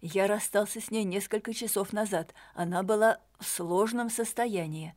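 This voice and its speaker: A woman's voice: mid-range voice, a little mellow, close to an everyday voice. A woman voicing a determined male detective in an audiobook, speaking firmly and insistently. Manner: firm, insistent, measured.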